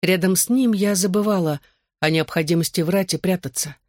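A woman narrating a first-person novel as an audiobook. She reads in a measured, expressive way in a somewhat low voice. The recording is dry and close to a studio microphone. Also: no room sound.

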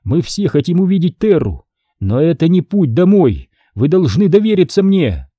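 A man voicing a tense woman navigator on the edge of losing control, talking urgently and sometimes shouting. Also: fairly high pitch, sing-song, normal speed, no room sound, lo-fi sound, voice pushed up. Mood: pleading. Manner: urgent, strained, at times shouting. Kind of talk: audiobook character reading.

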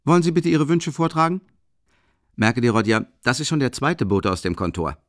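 A man voicing a boisterous young male student in an audiobook, booming and exclaiming. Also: big pitch swings, moderate pace, no room sound, clean studio sound, natural voice. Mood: hearty, boisterous. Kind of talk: audiobook character reading.

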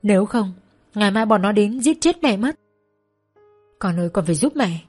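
A desperate mother in a spoken story, begging and tearful, as a woman reader puts her on. Her pleas sit at an ordinary middle pitch over soft music in the background. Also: animated, moderate pace, lightly acted. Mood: pleading. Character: desperate pleading mother in debt.

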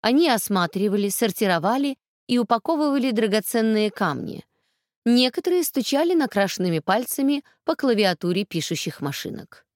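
A woman reading a first-person novel aloud as an audiobook narrator, calm and measured. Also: fairly high pitch, dry recording, clean studio sound.

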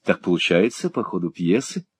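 Male reader as a polite young writer, earnest, slightly ironic, lowish voice. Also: big pitch swings, normal speed, slightly rough, dry recording, clean studio sound, full character voice. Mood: hesitant.

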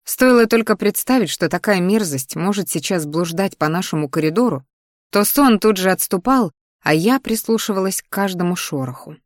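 A woman narrating a fantasy audiobook in first person, in a measured, expressive reading. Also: medium pitch, no echo, clean studio sound.

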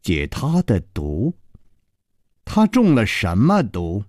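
A ruthless palace mistress in a radio story, cold and imperious, her words sinking low and slow into a hushed, breathy menace, as a male storyteller puts her on. Her pitch swings widely yet stays darker than the telling voice, and the sound is close and dry. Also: huge pitch swings, no echo, exaggerated voice. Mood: cold menacing.

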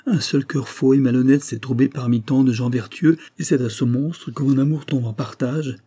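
A man voicing an earnest, virtuous young peasant girl who is soft-spoken. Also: mid-range voice, steady tone, moderate pace, husky, pitched above the performer's own voice. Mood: despairing. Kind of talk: audiobook character voice.

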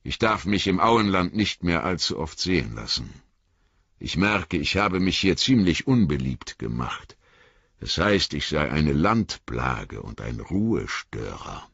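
A man reading an audiobook, voicing an old, grave and cautious male wizard who speaks in measured warnings. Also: extremely low pitch, sing-song, gravelly, fairly bright tone, slightly rough, dry recording, full character voice. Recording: dull lo-fi audiobook recording.

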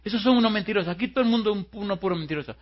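A pastor acting out a flustered, defensive ugly young man who denies everything in loud, high-pitched bursts. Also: fast talker, natural voice. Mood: frantic. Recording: muffled lo-fi recording.

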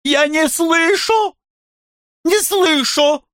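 A woman's voice: lively intonation, moderate pace, no room sound, studio quality, natural voice. A man voicing Miss Kennedy, a young barmaid who squeals, pleads and giggles in disgust. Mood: squealing pleading. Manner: shrill pleading, breaks into squeals.

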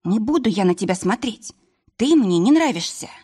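A woman's voice: mid-range voice, expressive, normal speed, warm tone, husky. A woman reading an audiobook voices a stubborn, tipsy young wife with a pouty, defiant manner.

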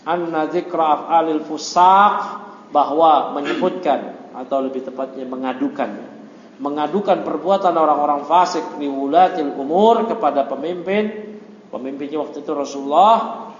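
A man gives a religious study lecture, reading passages of Arabic text and explaining each one in Indonesian. His voice sits fairly high, and now and then he puts questions to his listeners. The audio is dull and lo-fi, with long echo from a hall and a faint hiss underneath. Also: moderate pace. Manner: asks the audience questions. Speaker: Islamic teacher.

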